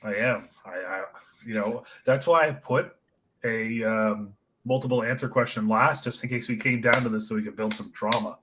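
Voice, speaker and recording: Bright-voiced man announcing trivia answers. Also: lowish voice, normal speed, slight background noise, low-quality recording. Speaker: trivia question writer and scorekeeper. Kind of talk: casual chat.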